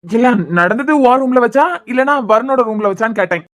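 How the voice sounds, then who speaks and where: A woman voices a shrewd, sarcastic young man in a cartoon serial, using a Kanyakumari Tamil accent. Her fairly high voice moves a little fast and is lightly acted as he slyly needles his family with probing questions.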